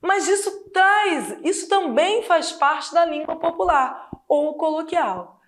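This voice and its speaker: A woman with a Brazilian Portuguese accent, a Portuguese teacher giving a lively, chatty exam-prep lesson full of rhetorical questions. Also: very high voice, slow pace.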